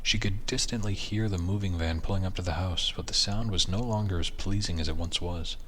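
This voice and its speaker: A man with a low voice narrates horror fiction. His read-aloud delivery is formal and measured, and there is faint noise in the recording. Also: sharp tone. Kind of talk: scripted horror story narration.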